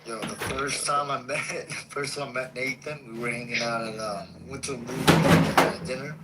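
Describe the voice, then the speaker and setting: A man's voice: mid-range voice, fairly even intonation, moderate pace, heavy background noise. A young man around twenty, brash and profane in a casual group chat, stuttering as he starts. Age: 20s. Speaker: livestream participant.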